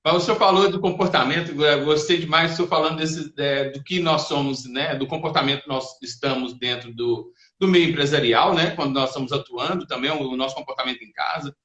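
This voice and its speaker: A man's voice: a little high, brisk, few pauses, a bit bright, dull audio. A man hosting an interview, reflecting on his guest's points and often tagging his sentences with a question for agreement. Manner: reflective, tags sentences with "né" and "não é mesmo". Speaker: interview host. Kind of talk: interview talk. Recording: roomy echo.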